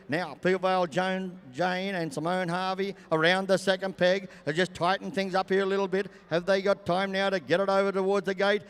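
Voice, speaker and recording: An older Australian man commentating live over an arena PA, with folksy showmanship and drawn-out phrasing. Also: sits high, clean tone. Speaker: campdraft commentator and announcer. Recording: echoing arena PA, long reverb.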